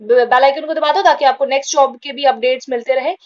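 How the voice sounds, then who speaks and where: A woman's voice: high-pitched, fairly even intonation, fast talker, muffled recording. A woman hosting a job-update channel, giving an informal voice-over explainer with frequent fillers and repeated points.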